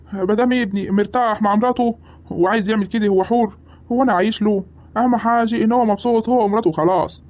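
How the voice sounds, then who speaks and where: A voice actor with an Egyptian accent playing a mild, evasive elderly village patriarch in an animated comedy, shrugging and reluctant. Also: mid-range voice, lightly acted.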